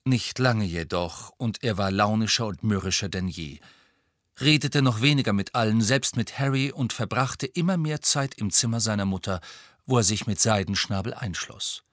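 A man narrating an audiobook in a measured storytelling manner, close to a studio mic. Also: fairly low pitch, fairly bright tone, dry recording. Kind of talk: scripted narration.

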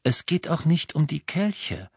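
A man's voice: fairly high pitch, very animated, measured pace, slightly rough, dry recording, studio quality, pitched above the performer's own voice, exaggerated voice. Man voicing a stern teenage wizard hero. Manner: firm, commanding. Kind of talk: audiobook character voice.

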